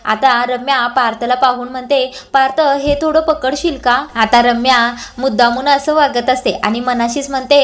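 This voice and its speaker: Woman with a Marathi accent, high voice, casual serial recap that reads all the dialogue herself. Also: fairly even intonation, moderate pace, few pauses. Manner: reads every character's lines in her own voice; small hesitations and restarts. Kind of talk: retelling a TV serial episode.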